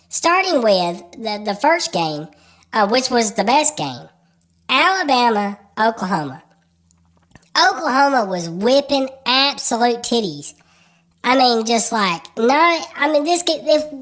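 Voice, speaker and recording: A woman's voice: on the high side, big pitch swings, unhurried, fairly bright tone. A woman hosting a sports podcast. Her voice is congested from a cold, and she talks in a crude, rambling way with lots of ums. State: congested, stuffed-up voice. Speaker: podcast host. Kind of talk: casual sports podcast chat.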